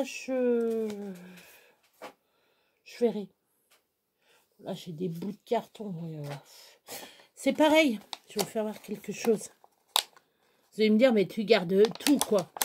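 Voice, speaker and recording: A middle-aged woman talks to her viewers from home, rambling from one grievance to the next with an exasperated edge. Her voice sits a little high, and she drifts around the room as she chats. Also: warm tone. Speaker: vlogger. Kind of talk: casual chat to camera.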